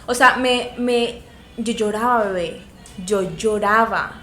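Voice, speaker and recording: A woman in her twenties with a Colombian Spanish accent co-hosts a podcast, chatting casually about her own stories and laughing often. Her voice is fairly high and a bit bright, and she speaks slowly. The room is echoey, with faint ambience and soft music behind her.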